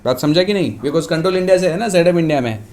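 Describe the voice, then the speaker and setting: A man's voice: fairly high pitch, expressive, fast talker, a little mellow. A man with an Indian accent teaching an online tax lesson, mixing Hindi and English and repeating figures for dictation. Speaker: commerce tutor.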